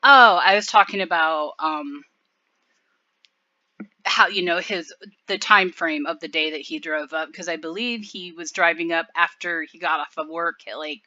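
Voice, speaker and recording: A woman's voice: lowish voice, measured pace, sharp tone, dry recording, dull audio. A woman talking casually in a video commentary, rambling with many fillers.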